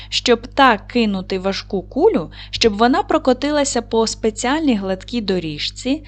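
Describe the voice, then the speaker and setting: A woman primary school teacher with a Ukrainian accent, giving a recorded video lesson to children in a clear, patient, instructive way. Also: a little high.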